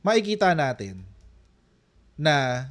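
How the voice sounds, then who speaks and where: A man with a Filipino accent doing casual live-stream commentary, animated and mocking, laughing often. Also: fairly high pitch, takes it slowly.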